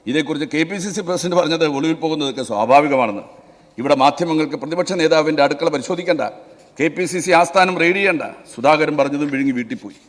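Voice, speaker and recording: Fast-talking man orating in a hall. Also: on the high side. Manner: emphatic oratory, repeatedly addressing the chair as sir. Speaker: legislator. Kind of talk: assembly floor speech. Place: large legislative assembly hall.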